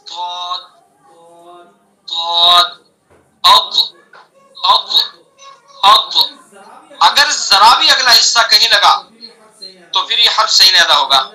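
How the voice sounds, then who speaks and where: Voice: mid-range voice, bright, forceful tone, poor audio. A patient teacher giving a Quran recitation lesson, who repeats each letter many times and keeps checking that the learner follows. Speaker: tajweed teacher.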